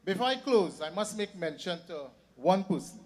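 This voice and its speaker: A man's voice: sits high, expressive, normal speed, darkish tone. A man, an event organizer addressing a festival crowd. He reads through a long list of sponsors, then talks more freely, with restarts and repeated words. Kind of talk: public address at a religious festival.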